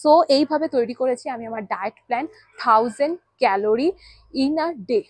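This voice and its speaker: Female vlogger, high pitch, dry room, methodical rule-by-rule delivery. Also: normal speed, no room sound, low-quality recording. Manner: lists rules step by step, mixing English into Bengali. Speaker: fitness vlogger. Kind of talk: scripted-sounding vlog explainer.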